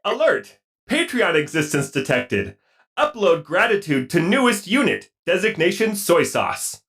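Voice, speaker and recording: A man voicing a stilted male AI robot announcer in a clipped, monotone robot voice. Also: high-pitched, measured pace, exaggerated voice. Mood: stilted robotic. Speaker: podcast player.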